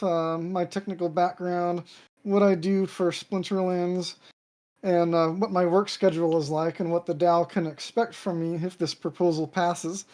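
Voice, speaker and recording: A woman guest on an online call, her voice stuffy from hay fever, calmly laying out her points with frequent ums. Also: on the low side. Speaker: guest developer.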